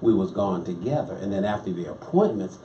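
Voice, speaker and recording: A married man telling lively stories in a conversation, acting out the dialogue as he goes. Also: low voice, a little fast, a little hiss or hum. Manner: animated storyteller acting out dialogue. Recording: distant, roomy, dull with faint ambience.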